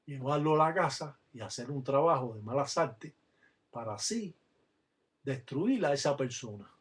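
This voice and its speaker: A man's voice: medium pitch, lively intonation, normal speed. A man teaching religious practice to his viewers over a webcam. He talks to them directly, in an instructive way, and is sometimes scornful of other teachers.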